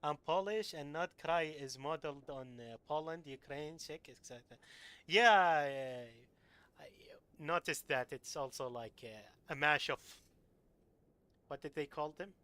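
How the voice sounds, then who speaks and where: A man's voice: a little high, a little slow, bright, forceful tone, clear, resonant tone. A man from Iraq streaming a game, talking in a rambling, hesitant way with many fillers. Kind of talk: live gameplay commentary. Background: game music.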